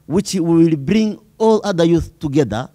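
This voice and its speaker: A man's voice: a little high, animated, normal speed, warm tone, no room sound. A man with a Tanzanian accent gives a semi-formal presentation as a youth delegate, hesitating and repeating words as he goes.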